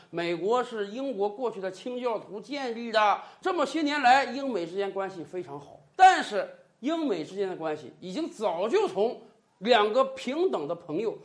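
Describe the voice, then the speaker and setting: A political commentator in full opinion mode, voice swinging widely up and down to mock and emphasize. The delivery is sarcastic and pointed, with heavy stress on scornful phrases. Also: medium pitch.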